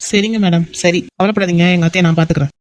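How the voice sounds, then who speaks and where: A woman's voice: fairly low pitch, fairly even intonation, rapid-fire, no room sound, natural voice. A woman voicing a breezy, teasing young man in an amateur cartoon. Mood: reassuring. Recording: dull lo-fi recording.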